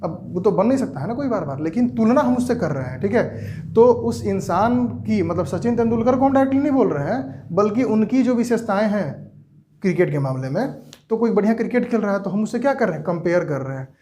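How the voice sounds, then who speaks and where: A man with a Jharkhand Hindi accent teaching an English grammar lesson, asking rhetorical questions and answering them himself, stretching words slowly for emphasis. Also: high-pitched, animated, warm tone, slight background noise.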